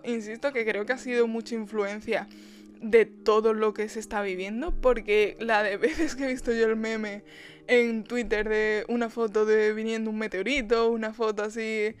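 A young woman hosting a podcast, chatting casually about a film with frequent laughs and restarts. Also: a little high. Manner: chatty, laughs often, many restarts and quoted asides. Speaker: podcast host. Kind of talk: casual film review monologue.

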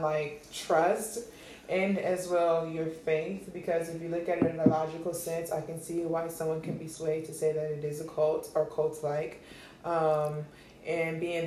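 A woman's voice: sits low, darkish tone. A woman in her twenties co-hosting a podcast, talking in an earnest, rambling way with many restarts. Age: 20s. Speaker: podcast co-host. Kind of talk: casual podcast chat. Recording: echoey room with faint noise.

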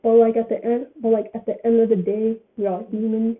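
Young woman of eighteen, casual vlog talk, rambling, repeats herself, fairly high voice, thin phone-like audio. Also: little pitch movement, fairly quick. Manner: rambling, repeats phrases often. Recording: tinny phone-like sound.

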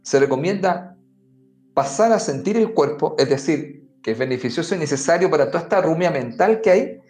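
Guy with a highish voice explaining stuff on a podcast, roomy echo. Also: animated, brisk, darkish tone. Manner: talks straight to the listener, often saying "mira" and "amigo". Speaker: podcast guest giving advice. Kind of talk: conversational explaining. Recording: roomy echo with faint music.

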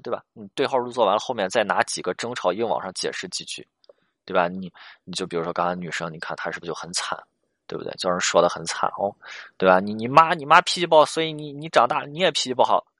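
A man's voice: fairly low pitch, gravelly, fairly bright tone, no echo. A man giving relationship advice in a casual talk, often stammering and tagging his points with "right?". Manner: stammering repeats, frequent "right?" tags. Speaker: relationship counselor.

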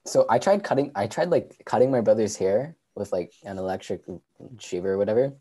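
A man's voice: on the low side, lively intonation, fairly quick, warm tone, slightly rough. A young man co-hosting a casual podcast, rambling and filling his talk with "like". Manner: rambling, heavy use of "like" fillers. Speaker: podcast co-host.

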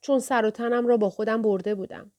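A woman's voice: a little high, fairly even intonation, dark tone, dry recording, lightly acted. An anxious woman in love, trying to sound light while her throat tightens, as a female audiobook narrator reads her part. Her words come out strained and a little too cheerful. It is storybook reading, not full acting. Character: anxious lovesick woman on phone.

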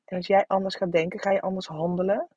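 She's a podcast host in her thirties, talking fast in a mid-range, darkish voice with a breathy edge and fairly even intonation. Her candid solo monologue coaches listeners, with casual swearing and many fillers and restarts. The sound is lo-fi with no room sound.

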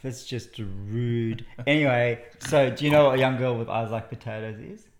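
A woman's voice: rumbling low, normal speed. A woman co-hosting a comedy podcast, chatting casually with lots of laughing and teasing. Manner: giggly, teasing. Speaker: podcast co-host. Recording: roomy echo.

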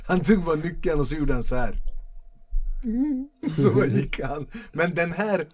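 A man in his forties, a comedian and host, telling stories in a casual chat, animated and slangy, laughing often. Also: a little high. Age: 40s.

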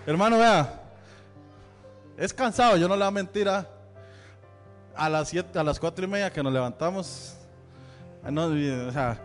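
Male pastor, Central American Spanish accent, high voice, chatty announcements, church reverb with soft music behind. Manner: chatty, joking with the congregation. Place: church sanctuary. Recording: long hall reverb with faint music.

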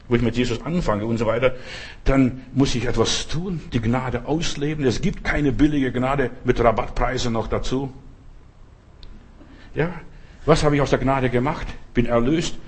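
Man, preacher, sermon, husky voice, emphatic, speaks straight to listeners. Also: mid-range voice. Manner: emphatic, addresses listeners directly.

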